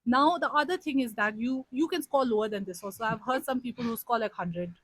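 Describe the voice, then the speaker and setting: A woman's voice: fairly high pitch, brisk, a bit bright, no room sound, rough recording. A young woman in her twenties, an interviewee giving earnest advice and switching between English and Nepali. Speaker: interviewee, civil services topper.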